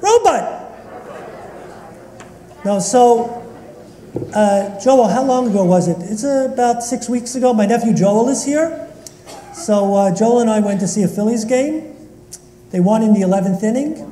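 A man's voice: high-pitched, mellow, slight background noise. A man from Northeast Philadelphia giving a sermon as a rabbi, joking and bantering with his congregation in a synagogue sanctuary. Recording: echoey hall reverb.

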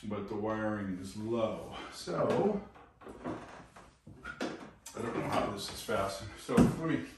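Speaking slowly with frequent pauses, an older man teaches home repair in a lowish voice with lively intonation. He's folksy and chatty, checking in with his audience throughout a casual demonstration in a small kitchen. The distant tripod-mounted camera mic captures room echo and distinct work sounds.

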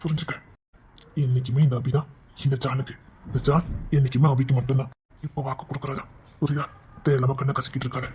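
A man playing a brash young husband who blusters and then softly reassures his wife in an amateur audio drama. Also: mid-range voice, level tone, slight background noise, lightly acted. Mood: tender. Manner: fast, blustering, then soft and coaxing.

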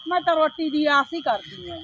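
A woman's voice: high-pitched, a little fast, sharp tone, dull audio, a little hiss or hum. A woman acting a poor village woman who pleads and complains in a family drama. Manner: pleading, plaintive.

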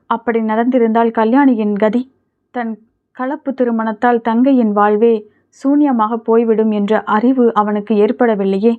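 A woman's voice: a little high, lightly acted. A woman voicing a grieving, strong-willed older widowed mother in an audiobook, speaking emotionally. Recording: tinny phone-like sound.

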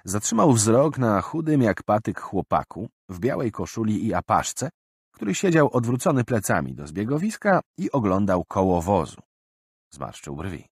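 Lively man narrating an audiobook. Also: lowish voice, moderate pace, slightly rough, no room sound, clean studio sound. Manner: animated, expressive reading.

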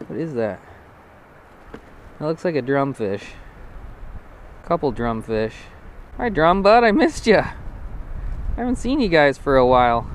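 Talking into an action camera strapped to his body, a fishing vlogger with a medium-pitched voice chats casually and cracks jokes while out on a frozen lake. Slight background noise is audible.

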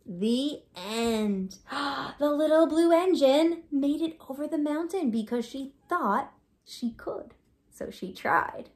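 A woman teacher reading a storybook to children, gently and with soft asides. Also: sits high, animated, takes it slowly.

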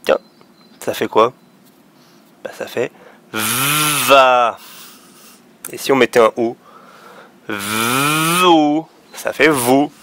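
A man's voice: medium pitch, extremely slow, pauses often, sharp tone, a little hiss or hum. A man teaching young children letter sounds, patiently drawing out each sound. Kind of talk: phonics lesson for young children.

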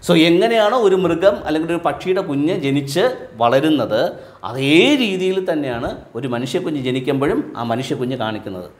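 A spiritual teacher from Kerala delivers sermon-style teaching to a live audience, firing quick rhetorical questions at listeners and dropping low and quiet as each point ends. The hall gives the recording a roomy echo.

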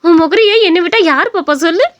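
A woman's voice: extremely high pitch, quick pace, muffled recording, background noise. A woman voicing a tearful young village wife who complains in a wailing, self-pitying way. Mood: relieved teasing.

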